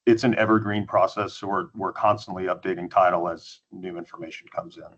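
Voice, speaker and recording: A man's voice: low-pitched, fairly even intonation, brisk, a bit bright, dull audio. A man testifying as a witness at a hearing over a video call, giving brief, matter-of-fact answers. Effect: heard over a video call. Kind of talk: answering questions under examination.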